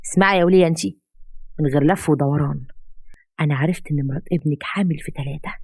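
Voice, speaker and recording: A woman doing a scheming ex-wife, husky and taunting. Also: sits low, racing, darkish tone, dry recording, studio quality. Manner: taunting, threatening. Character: scheming manipulative young ex-wife.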